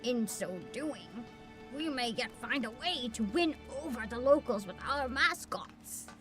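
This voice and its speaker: Courtly old man for a fantasy game, played by a woman: formal, archaic, earnest, measured delivery over background music. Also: on the high side, expressive, fairly bright tone, voice pushed down. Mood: earnest, troubled. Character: formal old man, a festival delegate asking for help.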